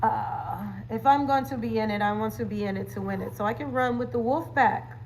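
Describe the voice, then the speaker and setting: A woman who is a wellness coach and livestream host chats playfully with viewers using slang catchphrases, conversational phrasing and frequent laughter. Her voice is fairly high and fairly quick, with background noise in the clip.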